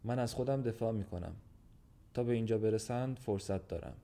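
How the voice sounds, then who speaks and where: Storybook schoolteacher read by a man: stubborn, cold, terse, low warm voice. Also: close to an everyday voice. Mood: cold, defiant.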